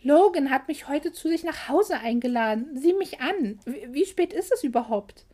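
A woman voicing an excitable, scatterbrained young heroine in a storybook reading, lively and easily flustered. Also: high-pitched, normal speed, voice pushed up.

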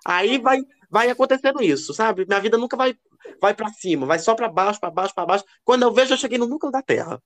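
Animated gossipy young man. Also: fast talker. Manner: expressive, lively pitch. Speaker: podcast co-host. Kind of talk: casual chat.

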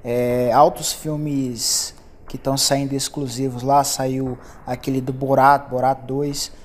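This solo podcast finds a young Brazilian host, with his native accent, chatting loosely as he hops between topics. He talks slowly at a medium pitch with little movement in his voice.

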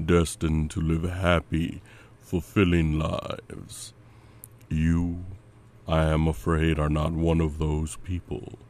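A man voicing a sinister, patient male demon in a dramatic scripted monologue, speaking with cold courtesy and slow menace. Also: very deep voice, a little mellow, heavily acted.

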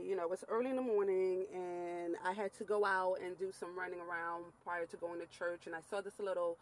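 A middle-aged woman from Latin America, hosting her own vlog and telling a personal story in a candid, casual monologue with animated quoted asides. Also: on the low side, rough recording. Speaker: vlog host.

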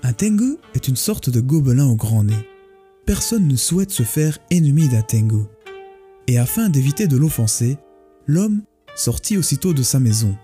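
A man narrating a folk tale in a calm, measured way. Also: mid-range voice. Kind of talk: storybook narration. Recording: faint music behind the voice. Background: faint music.

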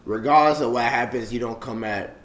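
A man's voice: mid-range voice, brisk, a bit bright. A young man in casual chat as a podcast co-host, rambling with many fillers and restarts. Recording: roomy echo, faint background noise.

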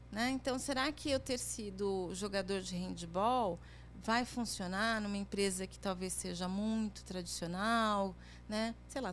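A woman's voice: on the high side, slight background noise. Woman coach explaining with tag questions. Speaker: career coach. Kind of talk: conversational advice chat.

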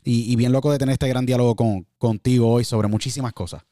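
A man hosts a podcast interview, eager and effusive, winding through long questions with plenty of hesitations. His voice is mid-pitched and sounds dry and close to the mic. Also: steady tone, fast talker, mellow, no echo. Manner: enthusiastic, long rambling questions with fillers. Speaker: podcast host. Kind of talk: interview hosting.

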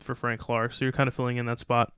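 A man's voice: medium pitch, level tone, fast talker, fairly bright tone, clean tone, no echo, studio quality. A man co-hosting a casual sports podcast, reading out draft picks and giving loose, opinionated takes. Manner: opinionated, loose, reads out picks then riffs. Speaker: podcast co-host.

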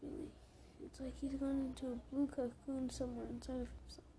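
A woman's voice: sits high, flat delivery, a little fast, warm tone, slight background noise, natural voice. A woman reading aloud as a weary young male dragon held captive, who talks in a glum, self-mocking way.

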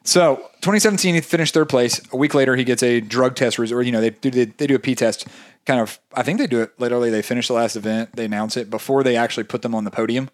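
A man hosting a laid-back podcast, chatting at a quick clip. He rambles, circles back on himself and drops jokes along the way. His voice sits in the middle of the usual range for a man. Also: mid-range voice. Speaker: podcast co-host. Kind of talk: casual podcast chat.

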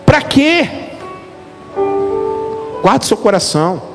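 A middle-aged man, a pastor, preaching a lively, joking sermon straight to his congregation. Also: sits high, drawn-out words. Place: church hall. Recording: reverberant hall with faint music.

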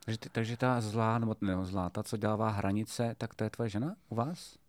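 Chatty man with a low voice. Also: no echo. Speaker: podcast co-host, father. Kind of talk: casual chat.

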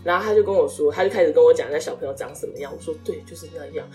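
A woman's voice: low-pitched, rapid-fire, distant mic, soft background music. A woman in her thirties, a guest in a casual chat, telling a personal story with feeling and acting out what people said. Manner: emotional storytelling, animated quoted speech.

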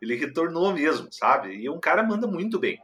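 A man's voice: on the high side, sing-song, brisk, sharp tone. A man, co-hosting a casual chat about classical music and explaining things eagerly, with many fillers and restarts. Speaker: co-host.

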